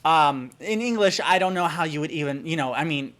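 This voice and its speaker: A man's voice: a little high, animated, brisk, fairly bright tone. Playful man ranting about a word. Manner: playful, mock-exasperated, emphatic on the word. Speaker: vlogger teaching German pronunciation. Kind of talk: casual comedic lesson to camera.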